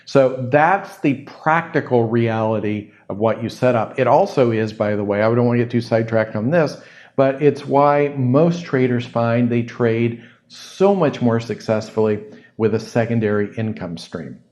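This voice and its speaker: A man's voice: mid-range voice, normal speed, a little mellow, highs cut off. A man hosting a solo podcast, answering a listener's question in a thoughtful, reflective way and often repeating words as he thinks. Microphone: studio microphone close to the mouth.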